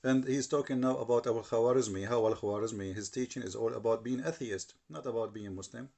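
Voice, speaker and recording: A man's voice: medium pitch, steady tone, a little fast, creaky, dark tone. A man giving argumentative commentary, translating clips and challenging what they say. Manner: repeats and restarts while translating, challenging tone.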